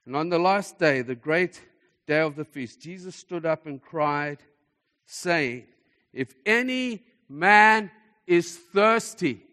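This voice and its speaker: His voice sits a little high, with lively intonation, a slow pace, and a clear, resonant tone. Preaching emphatically to a congregation in a large hall, he repeats phrases for effect and moves between hushed and forceful delivery. The hall is echoey, with long reverb.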